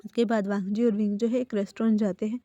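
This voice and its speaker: A woman's voice: mid-range voice, level tone, fast talker, dark tone, dry recording, dull audio. A woman casually retelling a fan fiction story in a plain, conversational way.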